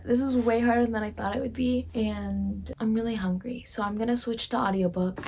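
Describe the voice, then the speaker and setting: A woman's voice: mid-range voice, gravelly, a little hiss or hum. A young woman casually vlogging about books, tired and chatty, with lots of filler words. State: tired, yawning. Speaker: book vlogger. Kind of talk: casual vlog to camera.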